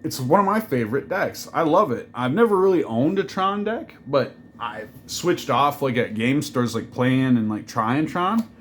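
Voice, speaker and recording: A man's voice: medium pitch, lively intonation, moderate pace, few pauses, slight background noise. A man casually walking through a card game deck, rambling and joking, with many fillers and digressions. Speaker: deck reviewer.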